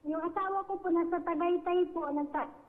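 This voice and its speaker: A woman from Samar, a domestic worker calling into a game show, speaking politely and softly while crying. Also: extremely high pitch, steady tone, moderate pace. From Samar, Philippines. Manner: polite, soft-spoken and tearful. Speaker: caller. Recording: tinny phone line with reverb.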